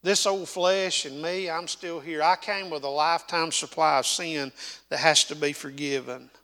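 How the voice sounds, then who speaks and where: A man with a hillbilly Appalachian drawl preaches a folksy, dynamic sermon, swinging between loud bursts and slowed, drawn-out lines. His voice sits a bit high and sounds bright. It carries a long reverberant church hall tail. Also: steady tone. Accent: Southern Appalachian. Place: church sanctuary.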